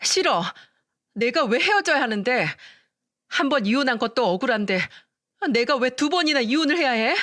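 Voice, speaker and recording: Woman voicing a pushy young sister-in-law, high and loud, dry close sound. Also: lively intonation, moderate pace, no room sound. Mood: desperate. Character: brash, entitled younger woman, a doctor.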